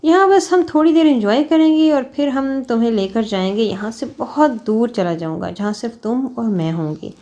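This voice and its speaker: A woman's voice: on the high side, lively intonation, few pauses, warm tone, lo-fi sound. A woman doing a sneering young male villain. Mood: taunting, menacing. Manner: menacing, sneering threats. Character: cruel young male villain, vengeful and taunting.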